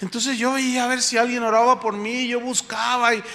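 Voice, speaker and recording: A man voicing a fretful middle-aged church woman who rushes through pleading explanations. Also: very high voice, little pitch movement, pushed and bright, voice pushed up, exaggerated voice. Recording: echoey hall.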